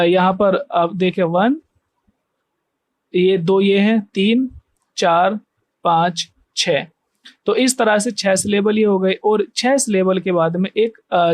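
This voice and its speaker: Patient high-voiced male teacher, dry sound. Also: no room sound. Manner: slow, patient counting of syllables with frequent "theek hai" checks. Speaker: English literature teacher. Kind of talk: explaining poetry meter step by step.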